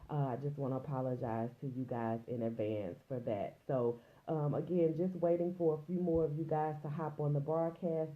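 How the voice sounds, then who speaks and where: A woman with a lowish voice hosts a casual livestream, stuffy and a bit nasal from a cold. Her audio comes through dull and muffled, as if from a webcam mic. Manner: chatty, greets viewers by name. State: congested and a little nasal from a cold. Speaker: host of a live broadcast.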